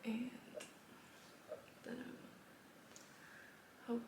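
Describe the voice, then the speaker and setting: A woman's voice: drawn-out words, warm tone, slight background noise. A woman giving a casual, chatty makeup tutorial, rambling and often dropping to a whisper. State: a bit out of breath. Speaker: makeup vlogger.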